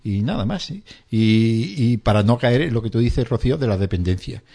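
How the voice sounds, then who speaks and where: A man's voice: mid-range voice, animated, normal speed, warm tone. A middle-aged man talking as a doctor on a radio health segment. He explains things plainly with homely examples and acts out what patients say.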